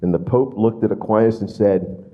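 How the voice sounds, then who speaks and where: A man preaching a sermon as pastor, in an animated manner, often adding "right?" to his points. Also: lowish voice, normal speed, phone-quality sound.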